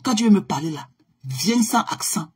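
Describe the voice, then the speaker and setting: A woman's voice: mid-range voice, animated, moderate pace, darkish tone, husky. A woman, ranting confrontationally on a live stream and dropping in English phrases. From Cameroon. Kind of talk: heated live-stream rant.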